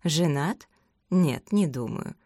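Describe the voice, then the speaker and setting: A woman reading as a calm, unflappable secretary. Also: low voice, takes it slowly, no echo, studio quality, exaggerated voice. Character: calm, reserved female secretary.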